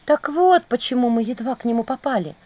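A jumpy young witch with a high, darting voice that leaps up and down, as a woman reader puts her on. She gasps out her exclamations and keeps slipping into breathless whispers, the storybook heroine on the edge of panic. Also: expressive, a little fast, warm tone. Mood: alarmed.

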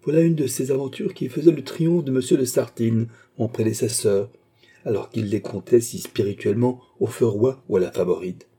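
A man's voice: medium pitch, normal speed, gravelly, dark tone, breathy edge. A man reading an audiobook, voicing a suave male police chief who speaks with polite, smug deference.

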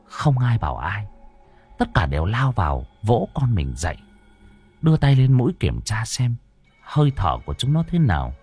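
A man's voice: mid-range voice, wildly swooping pitch, normal speed, a little mellow, breathy edge, soft background music. A man narrating a ghost story with a dramatic delivery.

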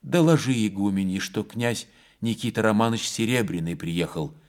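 A loyal older servant in a storybook reading, speaking low and hushed, as a male narrator puts him on. Careful and respectful, he keeps his voice down before his master. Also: normal speed, lightly acted. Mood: firm.

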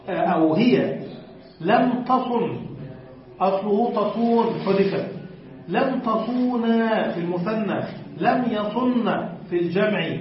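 High-voiced male teacher in an echoey room. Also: slight background noise. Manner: explains step by step, quizzes students, drags out example words. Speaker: teacher of Arabic morphology. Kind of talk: classroom lesson. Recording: echoey room, distant dull lo-fi mic.

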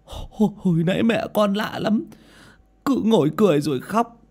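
A man's voice: high-pitched, lively intonation, normal speed, darkish tone, voice pushed up. A man voicing a terrified young male servant who stammers and cries out. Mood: pleading. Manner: stammering, shrieking in panic.

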